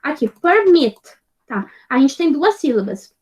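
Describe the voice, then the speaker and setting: High-voiced teacher woman. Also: animated. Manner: patient, checks in with "tá?" after nearly every phrase; spells out examples slowly and clearly. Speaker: English teacher. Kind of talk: online grammar lesson.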